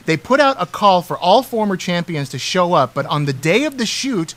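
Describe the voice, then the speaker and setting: A man's voice: sits high, very animated, normal speed, fairly bright tone. A man hosting a casual radio talk show, chatting and reading out movie trivia.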